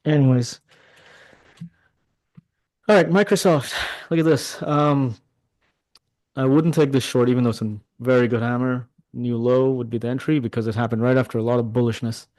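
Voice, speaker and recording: Excitable man calling live trades. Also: medium pitch, moderate pace, pauses often, no echo. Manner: excitable, talks to chat, swears when frustrated. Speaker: day trading mentor. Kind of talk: live trading session commentary.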